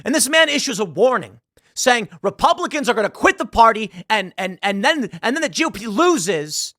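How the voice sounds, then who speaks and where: A man, talking through political news in a solo commentary, animated and sarcastic. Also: sits high, moderate pace, dry recording, studio quality. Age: 30s. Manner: animated, sarcastic, mocking quoted voices.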